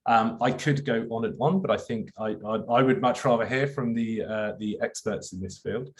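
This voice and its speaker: Man, low pitch, hesitant, video call. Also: normal speed. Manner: hesitant with fillers. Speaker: presenter.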